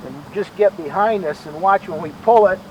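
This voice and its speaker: Calm, higher-pitched male museum guide. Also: fairly quick, muffled recording, slight background noise. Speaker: bird sanctuary museum guide and bird bander. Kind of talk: informal guided tour, explaining.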